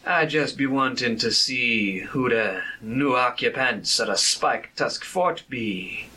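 A man's voice: lowish voice, little pitch movement, moderate pace, pushed and bright, slightly rough. A man voicing a proud, sly male troll chieftain in a tabletop fantasy game, speaking a patois-like dialect with dropped verb forms. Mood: probing.

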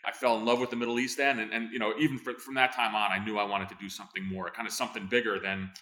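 This man in his fifties, born in Greece and raised in New Jersey, is a former intelligence officer appearing as an interview guest. His lowish, bright voice races along in fast, energetic storytelling, full of fillers and restarts as he answers conversationally.

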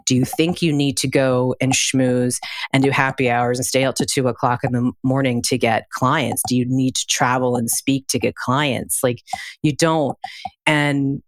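A woman's voice: rumbling low, steady tone, moderate pace, no room sound. A woman speaking as an interview guest in a conversational, reflective way, explaining through examples and questions.

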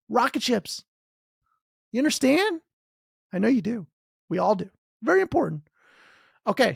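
A man hosting a podcast, delivering a sarcastic political comedy rant that swings between loud outbursts and low mutters. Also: vocal fry, no echo, clean studio sound. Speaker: podcast host.

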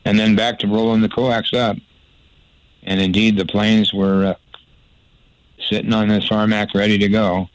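An older man with a notably deep voice spins long, folksy anecdotes about his broadcasting days. He rambles and restarts his sentences as he goes. The sound is dry and close. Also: little pitch movement, normal speed, pauses often, no room sound, low-quality recording. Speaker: former sports radio broadcaster. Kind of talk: storytelling interview.

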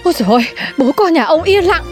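A woman's voice: very high-pitched, expressive, quick pace, faint music behind. A woman voicing a bossy, superstitious middle-aged shopkeeper mom in a cartoon, scolding and melodramatic. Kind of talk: cartoon voice acting.

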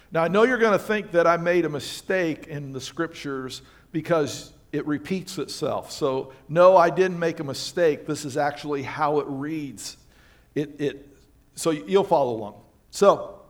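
Preaching man, pitched a little high. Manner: reads scripture aloud and comments on it, swinging from quiet to loud emphasis. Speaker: pastor. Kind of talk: sermon. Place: church sanctuary.

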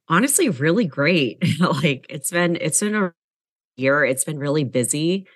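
A woman's voice: a bass voice, no echo. Chatty upbeat woman, dry close sound. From United States, born in Los Angeles, raised in Seattle. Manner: chatty and upbeat, laughs often, many "like"s and run-on sentences. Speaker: guest comedian. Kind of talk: casual interview chat.

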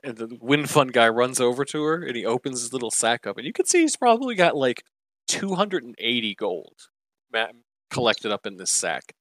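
A man narrates a tabletop game as game master, speaking in a loose, chatty way full of fillers. His pitch sits at an ordinary middle height. The recording is dry and close. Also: sing-song, moderate pace, fairly bright tone, no echo.

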